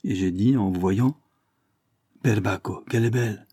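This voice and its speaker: A man's voice: on the low side, normal speed, mellow, breathy edge, no echo, clean studio sound. A man reading aloud and voicing a bold, cold young man from the Calabrian mountains, with an intense, rising delivery. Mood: explaining.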